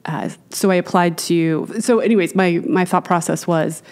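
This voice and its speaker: A woman's voice: fairly low pitch, steady tone, moderate pace, a little mellow, smooth. A woman in her thirties from Virginia, an artist guest telling her story in an upbeat, chatty way, recorded in a gallery on a studio mic. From Manassas, Virginia, US. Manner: chatty, upbeat, frequent fillers. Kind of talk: casual interview chat. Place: gallery space, indoors. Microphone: studio mic on boom arm, headphones.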